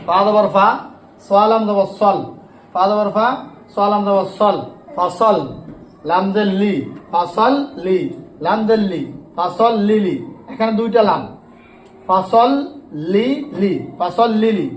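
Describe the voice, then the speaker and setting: A man from Bangladesh teaching an online Quran lesson, spelling out letters and vowel marks and then slowly reciting each word. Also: sits high, fairly even intonation, reverberant, slight background noise, low-quality recording.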